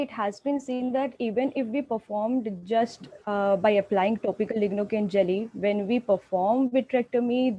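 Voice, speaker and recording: A woman's voice: mid-range voice, warm tone. A woman doctor presenting her study at an online conference and answering questions politely, often correcting herself. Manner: polite, deferential, frequent self-corrections.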